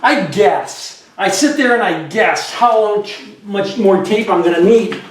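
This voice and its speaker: A man's voice: sits high, takes it slowly. A man working as a drywall finisher, talking casually and jokingly while he demonstrates taping in a garage. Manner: joking, rambling storyteller. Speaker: drywall finisher and show host. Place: garage under repair. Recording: echoey garage, distant mic, noisy.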